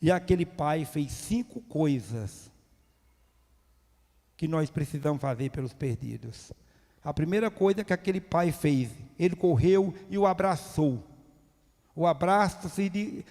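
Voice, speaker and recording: A high-pitched male preacher delivers a sermon. He is emphatic and builds toward near-shouting at his peaks, leaning on rhetorical questions. His voice trails off into the long reverb of a church hall. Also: lively intonation, unhurried.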